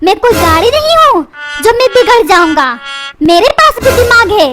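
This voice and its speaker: A woman's voice: very high voice, sing-song, normal speed. A woman voicing a lazy, stubborn cartoon schoolboy who whines and talks back. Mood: cheeky. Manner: whiny, cheeky backtalk. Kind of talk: cartoon dubbing. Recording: loud background music. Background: loud music.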